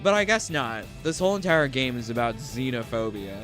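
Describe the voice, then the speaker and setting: Sarcastic man with a lively voice. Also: medium pitch, fairly quick, music in the background. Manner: sarcastic, mocking, laughs between lines. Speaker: gaming channel host. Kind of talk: let's-play commentary.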